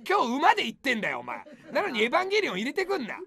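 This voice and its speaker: A man ranting at his livestream viewers in mock fury, hurling rough insults and yelling in bursts. His voice is gravelly and bright. His pitch leaps around with lively swings. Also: very fast. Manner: mock-furious yelling, rough insults, calls everyone "you". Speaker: comedian streamer answering viewer comments. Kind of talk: improvised angry comedy rants on a livestream.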